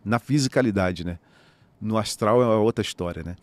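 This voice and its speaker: A Brazilian man recounting a personal story as a podcast guest, talking rapidly and animatedly, peppering his speech with "né" and "cara". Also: fairly low pitch, no room sound. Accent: Brazilian Portuguese.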